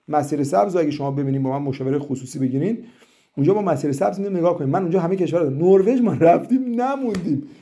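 A man's voice: sits high, dark tone. A middle-aged man answering questions as an immigration consultant in a live session, talking emphatically and persuasively.

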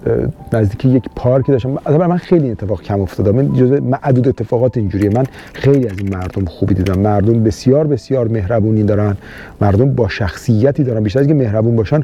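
Iranian-born male vlogger, casual advice monologue, hesitant and rambling, very mellow tone. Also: mid-range voice, lo-fi sound, a little hiss or hum. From Iran. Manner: rambling, frequent hesitant fillers. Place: lives in Austria.

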